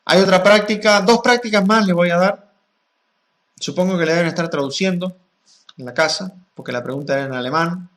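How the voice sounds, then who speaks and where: A man, a spiritual teacher answering questions in a calm, explanatory way and chanting mantras with drawn-out vowels. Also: high voice. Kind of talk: gnostic teaching talk.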